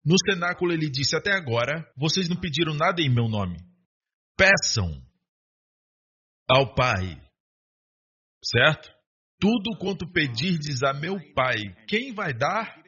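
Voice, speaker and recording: Bright, husky-voiced male preacher. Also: fairly high pitch, animated, normal speed, highs cut off. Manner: rhetorical questions, calls for amen. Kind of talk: sermon.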